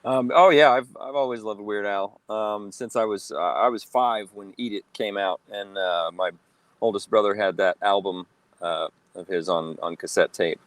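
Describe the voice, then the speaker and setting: A man's voice: lowish voice, moderate pace, no room sound. Hesitant man in his forties, dry sound. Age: 40s. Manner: hesitant, filler-heavy recollection. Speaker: co-host. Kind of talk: casual reaction chat.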